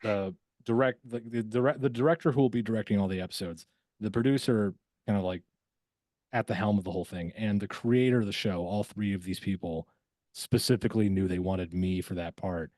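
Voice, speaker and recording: A male voice actor speaks casually as a guest on a podcast, thoughtful and hesitant, frequently repeating words while he works out what to say. His voice sits fairly low and a bit mellow, with no echo.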